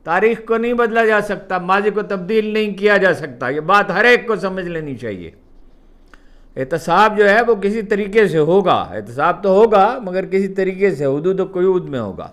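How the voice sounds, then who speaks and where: A man's voice: high voice, lively intonation, fairly bright tone. A man delivering a political commentary monologue, emphatic, often repeating his points for stress.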